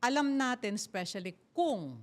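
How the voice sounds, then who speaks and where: A woman's voice: fairly high pitch, lively intonation, moderate pace. A woman hosting a talk show, commenting and agreeing in casual chat that mixes Tagalog and English.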